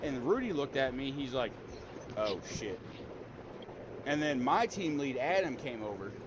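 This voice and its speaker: A man's voice: medium pitch, moderate pace. A man streaming a game, angrily retelling a fight at work in casual, profane chat. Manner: profane, heated, animated retelling. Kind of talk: casual venting story. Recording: steady background noise.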